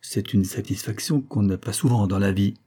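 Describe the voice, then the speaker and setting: Man voicing a grave, ironic gentleman. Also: on the low side, normal speed, breathy edge. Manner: dry, slightly ironic. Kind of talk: audiobook reading.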